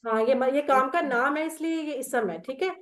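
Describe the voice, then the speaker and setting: A woman's voice: high voice, normal speed. A woman teaching Quranic Arabic grammar in an online class, patient and step by step, reciting verb tables. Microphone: video call.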